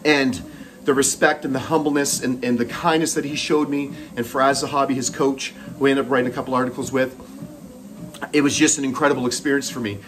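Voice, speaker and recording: A man's voice: medium pitch, steady tone, fast talker, noisy background. A middle-aged man with a Canadian accent telling a personal story while running on a treadmill, speaking in short broken phrases. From Moncton, New Brunswick, Canada. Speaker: host.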